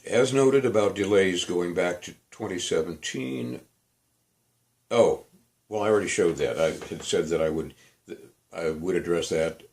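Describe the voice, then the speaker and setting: A man's voice: sits low, unhurried, a little mellow. An older man giving a rambling, emphatic complaint monologue for his video blog, often correcting himself mid-sentence. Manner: digressive, self-correcting, emphatic. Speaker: video blogger.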